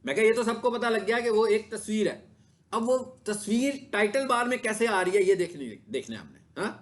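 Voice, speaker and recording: A man's voice: sits high, expressive, fairly quick. A male instructor giving a classroom lecture with a screen demo, often asking his students questions and then answering them himself. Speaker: digital marketing instructor.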